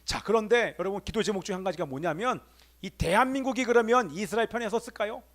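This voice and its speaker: A man's voice: sits high, fast talker, a bit bright. A middle-aged male pastor giving a Sunday sermon in a church, preaching with emphatic rises and calling out to the congregation. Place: church sanctuary.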